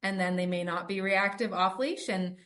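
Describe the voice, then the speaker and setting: A woman's voice: mid-range voice, moderate pace, a bit bright. A woman hosting a podcast and working as a dog trainer. She talks conversationally and runs through her points with frequent "um" and "like" fillers. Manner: lists points with many "um" and "like" fillers.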